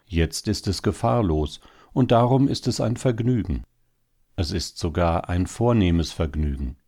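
A man's voice: low-pitched, a little slow, mellow. A man as a wry, consoling male hare. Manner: soothing, wryly bitter. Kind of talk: storybook reading.

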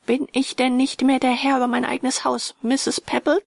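A woman doing a haughty young gentleman. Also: high-pitched, flat delivery, moderate pace, gravelly, dry recording, studio quality, pitched above the performer's own voice. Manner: haughty, commanding. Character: young male gentleman, proud, imperious.

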